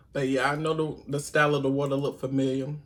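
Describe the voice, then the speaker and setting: A man chats casually to his viewers while he eats. He keeps calling them y'all and hums between bites. He talks at an ordinary middle pitch. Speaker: mukbang vlogger. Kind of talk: casual eating vlog chat.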